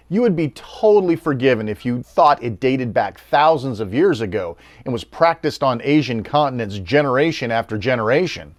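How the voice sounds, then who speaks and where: A man's voice: medium pitch, darkish tone, dry recording, studio quality. A middle-aged American man narrating a documentary in a wry, storytelling way. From United States.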